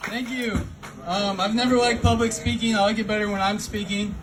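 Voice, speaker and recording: High-voiced man doing halting stand-up. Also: fairly even intonation, background noise. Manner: halting delivery full of ums and uhs. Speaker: stand-up comedian. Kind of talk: stand-up set. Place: comedy club stage before a laughing crowd. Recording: distant room recording with loud crowd laughter.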